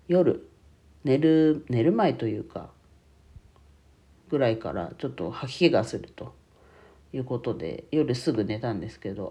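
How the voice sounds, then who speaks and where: A man's voice: lowish voice, warm tone. Man with a stuffy, nasal voice. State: congested from a cold. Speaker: bookkeeping YouTuber and streamer. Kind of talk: casual solo talk to listeners.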